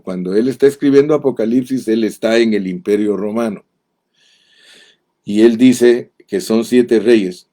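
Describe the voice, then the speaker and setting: A pastor teaches from the Bible in a mellow, lowish voice. Slow and deliberate, he reads verses aloud with emphasis and speaks directly to his listeners.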